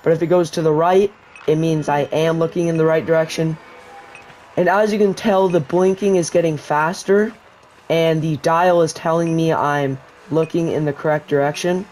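A man with a somewhat high voice talks at a moderate pace over a low-quality recording with a bit of hiss or hum. He's a gaming YouTuber narrating a casual, rambling tutorial for a survival video game while he plays. His explanation is relaxed and wanders, often restarting mid-thought.

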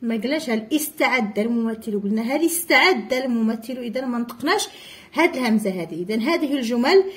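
A woman teacher with a Moroccan Arabic accent explaining a grammar lesson, stressing key words slowly and repeating them. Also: on the high side, a little mellow. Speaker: primary school teacher.

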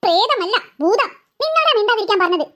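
A woman's voice: very high-pitched, big pitch swings, quick pace, pushed and bright, heavily acted. A woman voicing a short-tempered cartoon mother who scolds her daughters sharply. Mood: exasperated. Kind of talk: cartoon voice acting.

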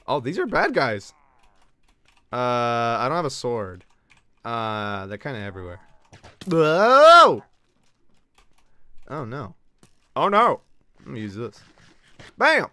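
A man streaming live gameplay, talking in an unhurried drawl that leaps up into yelps and curses. His voice is bright and lively, swinging widely in pitch as he banters with his chat. The sound is close and dry. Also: no echo. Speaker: Twitch streamer.

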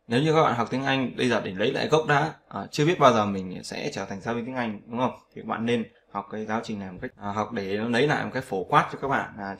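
A man with a lowish voice, some vocal fry and a slightly bright quality teaches English pronunciation in Vietnamese, with slight background noise. The casual spoken lesson is repetitive: he drills sounds and often checks with "right?"

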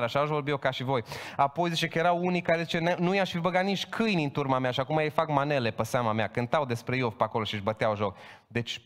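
A man preaching a Pentecostal sermon, emphatic and building to loud proclaiming. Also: medium pitch. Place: church hall. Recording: long hall reverb.

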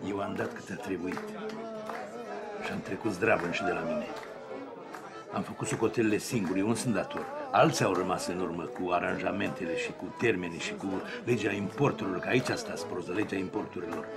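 A man's voice: low voice, loud music behind the voice, over a noisy crowd. A man playing a defiant businessman who defends himself insistently. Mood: defensive. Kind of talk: film dialogue.

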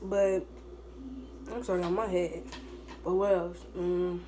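A woman's voice: lowish voice, level tone, slow pace. Young woman chatting with her mouth full. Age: young adult. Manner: talking with mouth full while eating. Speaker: vlogger. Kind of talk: casual chat to camera. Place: small room at home, indoors. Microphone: phone or laptop propped at arm's length. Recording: noisy room, cutlery and dish clatter.

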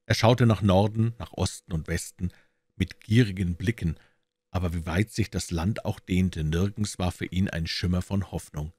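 A man narrating a classic detective novel as an audiobook reader, in measured storytelling with lively emphasis. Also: low voice, slightly rough, no echo. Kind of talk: scripted narration.

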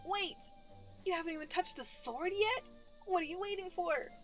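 A woman voicing a tiny, excitable forest sprite in a squeaky voice, with game music behind. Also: moderate pace. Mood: urging.

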